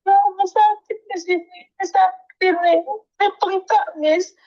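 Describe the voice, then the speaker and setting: A woman's voice: very high-pitched, steady tone, slow pace, dark tone, muffled recording. A woman migrant worker calling in, in pain and crying, speaking plaintively and politely. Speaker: caller, migrant domestic worker.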